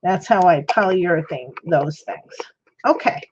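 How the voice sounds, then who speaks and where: In a muffled recording with background noise, a woman with a lowish voice and lively intonation talks unhurriedly. She's hosting a craft livestream from an indoor worktable, casually chatting and thinking aloud as she demonstrates, her speech a bit mushy and toothless.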